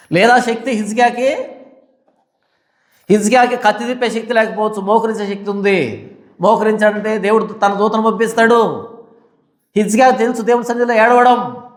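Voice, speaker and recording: A male pastor delivers a fiery Bible study sermon in a high, ringing voice. He scolds his listeners and drives each point home with a string of rhetorical questions. The sound carries the echo of a reverberant room. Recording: echoey room.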